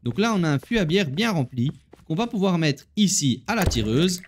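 Man, gameplay commentary, chatty, very animated pitch, playful. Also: normal speed, slight background noise. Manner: chatty, talks straight to viewers while playing; playful, laughs at himself. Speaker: gaming video host.

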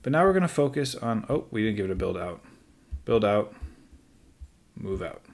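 Low-voiced man walking through a software tutorial. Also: normal speed, gravelly. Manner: relaxed, step-by-step instructions with light asides. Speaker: teacher. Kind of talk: screen-recorded software tutorial.

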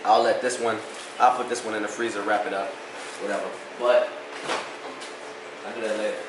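With a lowish, fairly even voice at a fairly quick clip, a young Louisiana-accented cooking vlogger jokes around and teases in a laid-back way from his home kitchen. A phone camera on the counter records it, picking up kitchen echo and background noise.

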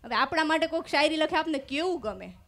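A woman stand-up comedian with a high voice performs on stage into a microphone before a live audience. She tells stories from her shows and acts out both sides of each exchange before landing the punchline. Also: expressive, quick pace, a bit bright. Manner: storytelling with acted-out dialogue and punchlines.

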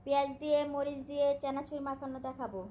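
Chatty high-voiced woman cooking at home. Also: little pitch movement, fast, a little mellow, slight background noise. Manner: chatty and homely, coaxing a small child. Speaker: home cooking vlogger and mother. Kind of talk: casual home cooking vlog.

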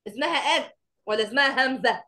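Egyptian woman teacher, slightly high voice. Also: pushed and bright. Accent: Egyptian Arabic. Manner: quizzes the class often, recites verses slowly. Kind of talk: online class lecture.

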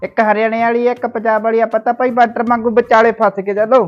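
A woman plays a grumbling village elder in a family drama who fires off complaints. Her voice sits a little high and quick. The sound is dull, with faint music underneath. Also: level tone, lightly acted. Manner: scolding, grumbling. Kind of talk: Punjabi short film acting.

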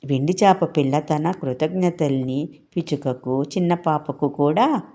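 A woman telling a children's story, gently addressing small children as their storyteller. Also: sits low, unhurried.

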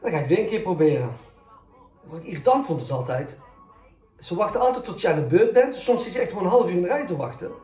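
A man's voice: sits high, lively intonation, quick pace, dark tone. A man, a journalist, candidly recounting his own experiences in a storytelling vlog, acting out both sides of the arguments. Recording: roomy echo, faint music.

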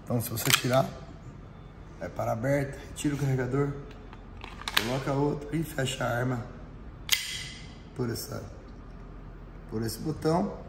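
A man's voice: mid-range voice, moderate pace, creaky, pauses often. A middle-aged man with a Brazilian accent and a thin, cracked, reedy voice, giving a casual, explanatory product demonstration. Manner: informal, explanatory, frequent tag questions. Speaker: airsoft shop product reviewer. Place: indoor airsoft shop and small range room. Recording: roomy echo, faint background noise.

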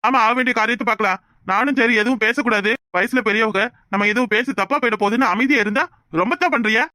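A voice actor plays a fed-up young village husband in a cartoon, speaking firmly and fast in a Kanyakumari Tamil accent. The voice is bright, and the recording is dry and close. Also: male voice, very high-pitched, dry recording. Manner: firm, fed-up. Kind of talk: cartoon voice acting.

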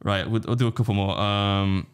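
A man's voice: on the low side, level tone, normal speed, clean tone. Teasing man hosting a podcast. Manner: teasing, laughing, hesitant restarts. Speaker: podcast host. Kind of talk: casual podcast chat. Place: podcast studio.

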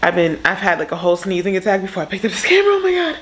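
A woman's voice: on the low side, rapid-fire, rough recording. Chatty, slightly congested woman vlogger. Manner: chatty, expressive, with frequent asides. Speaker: lifestyle vlogger. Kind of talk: casual talk to camera. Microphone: camera mic.

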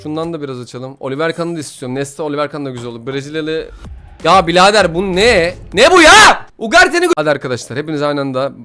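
High, lively young man, fast and bright. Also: clear, resonant tone, faint music behind. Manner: swings from pleading to loud frustration. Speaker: gaming YouTuber opening player packs. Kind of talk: excited gameplay commentary.

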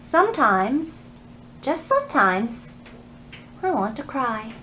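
In a library, a woman in her thirties runs storytime for kids, addressing them directly with expressive, animated delivery. Her voice is on the high side and she takes it slowly, with background noise present.

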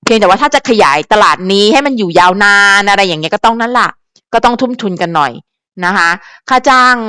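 A woman's voice: mid-range voice, a bit bright, clean tone, no echo. A woman hosting a casual commentary channel, talking straight to viewers in a chatty, advisory way with lots of fillers and repeated words. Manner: chatty, frequent fillers and repetitions; advisory, talks directly to viewers. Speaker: channel host commenting on celebrity news.

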